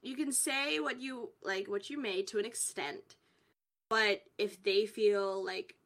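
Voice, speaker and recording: Bright-voiced Australian woman chatting. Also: medium pitch, slow pace. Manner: giggly, chatty, talks over others. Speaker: podcast co-host. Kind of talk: casual chat.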